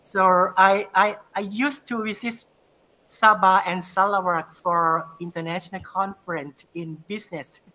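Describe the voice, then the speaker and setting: A man from northeastern Thailand with a Thai accent, a university lecturer presenting his research and answering questions on a video call, halting and repeating words as he searches for them. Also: high-pitched, fairly even intonation, pushed and bright, low-quality recording. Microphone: video call webcam.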